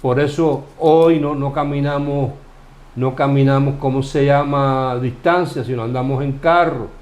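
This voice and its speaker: A Cuban man with a Cuban Spanish accent teaches the Bible in a relaxed study session, asking questions and restarting phrases as he explains passages. His voice sits at a medium pitch and he speaks at a measured pace.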